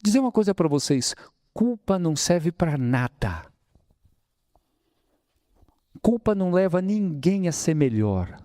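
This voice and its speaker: Brazilian male spiritist lecturer, animated pitch, dry close sound, preaching with rhetorical questions. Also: normal speed, no room sound. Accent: Brazilian Portuguese, São Paulo interior. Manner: lively preaching, addresses audience as brothers, asks rhetorical questions. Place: spiritist center hall.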